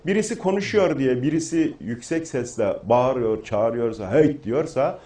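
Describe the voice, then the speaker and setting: A middle-aged man in a talk show discussion who builds from calm reflection to forceful, rousing speech. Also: mid-range voice, moderate pace. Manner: rising to forceful oratory.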